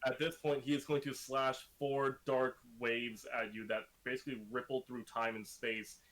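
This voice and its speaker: A man's voice: mid-range voice, little pitch movement, moderate pace, a bit bright, rough recording. Man narrating as game master. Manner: vivid, dramatic narration.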